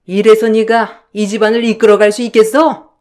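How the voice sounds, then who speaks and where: A woman's voice: a little high, level tone, moderate pace, darkish tone, natural voice. A woman voicing a domineering older mother-in-law who scolds with contempt in a dramatized story. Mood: scolding.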